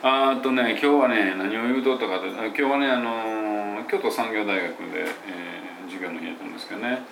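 A man who teaches English pronunciation, chatting loosely in an audio diary with many fillers and self-corrections, and slowing down to demonstrate English phrases. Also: fairly low pitch, gravelly, background noise. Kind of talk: casual spoken audio diary.

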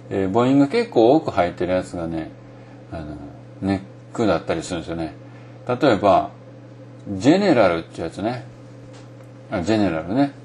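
A man's voice: on the low side, dark tone. Kansai guy teaching english sounds, rambly, lots of ums, faint room noise. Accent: Kansai Japanese. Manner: rambling, thinks aloud with many fillers. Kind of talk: casual spoken lesson.

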